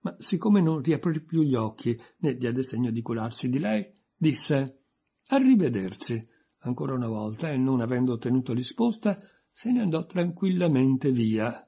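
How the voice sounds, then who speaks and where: A man narrating an audiobook of a classic children's story in a measured storytelling manner. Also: mid-range voice, animated, gravelly, mellow, breathy edge. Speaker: audiobook reader.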